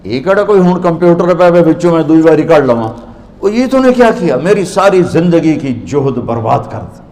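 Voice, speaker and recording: A man's voice: a little high, very animated, a little mellow. A man voicing an exasperated scholar who scolds and wails over his ruined books, in an echoey large hall. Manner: scolding, wailing.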